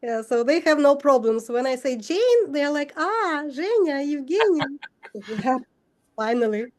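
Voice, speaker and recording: A woman with a high voice hosts an online workshop. She addresses her listeners directly and moves things along with quick, pointed questions. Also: animated, darkish tone. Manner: direct, brisk questions to the audience. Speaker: workshop host.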